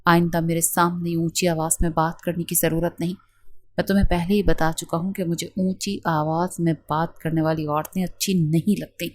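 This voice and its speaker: Brief: woman voicing a domineering young husband for an audio novel, curt orders, lowish voice. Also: little pitch movement, no echo, natural voice. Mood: stern. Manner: curt, commanding.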